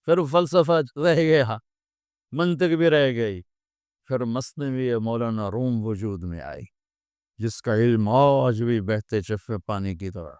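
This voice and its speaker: Older male preacher, storytelling sermon style, resonant and clear, dry close-miked sound. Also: mid-range voice, darkish tone, no room sound. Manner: storytelling with acted quotes and recited Persian verse. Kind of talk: religious sermon.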